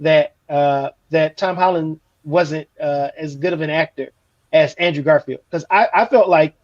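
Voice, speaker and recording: High-voiced man, muffled and dry. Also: dry recording. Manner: measured, hesitant with restarts. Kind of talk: casual movie review chat.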